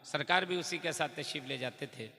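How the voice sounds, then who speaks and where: High gravelly preacher in a hall. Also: male voice, normal speed. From Bihar, India. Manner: dramatic storyteller who swings from low narration to loud exclamations. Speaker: Islamic preacher. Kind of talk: religious sermon with storytelling. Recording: long reverb in a large hall.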